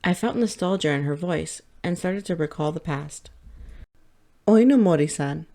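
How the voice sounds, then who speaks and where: A woman reading a first-person light novel audiobook in a steady, measured way. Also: deep voice. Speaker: audiobook narrator.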